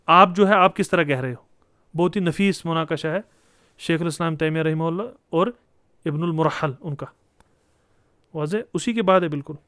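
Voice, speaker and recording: A man's voice: on the high side, long pauses, fairly bright tone, clean tone, no echo, clean studio sound. A man giving a classroom lecture on Arabic grammar, explaining step by step and posing rhetorical questions to his students. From Kashmir.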